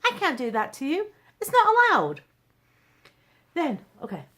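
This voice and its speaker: Bubbly middle-aged woman, high animated voice, motivational vlog recap. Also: unhurried. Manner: bubbly and emphatic, swings between loud bursts and near-whispers; laughs often, self-deprecating. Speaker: social media vlogger.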